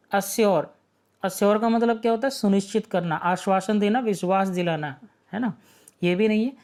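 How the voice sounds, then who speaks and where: A man's voice: high-pitched, a little mellow. Patient male teacher explaining vocabulary. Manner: explains patiently, asks rhetorical questions, checks in with "है ना". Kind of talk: online exam-prep vocabulary lesson.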